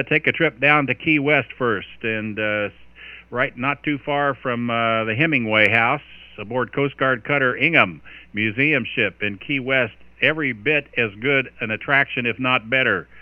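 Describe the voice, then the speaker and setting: An American man hosts a radio net in a marine radio style, calling for stations and spelling call signs phonetically. His voice is clear and smooth, close and dry, heard through a slightly dull, band-limited radio transmission. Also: mid-range voice, normal speed, no room sound. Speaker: net controller, amateur radio host. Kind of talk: marine radio-style ham radio net calls and casual chat.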